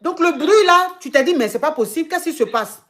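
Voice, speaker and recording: A woman's voice: high voice, animated, brisk, fairly bright tone. A woman with an Ivorian French accent hosting a call-in advice show, retelling a caller's story back to her with many repeated phrases. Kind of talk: live call-in advice chat.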